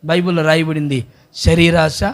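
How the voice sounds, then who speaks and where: A man preaching a sermon as pastor at a church service, swinging between loud exhortation and soft pleading. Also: on the high side, little pitch movement, moderate pace.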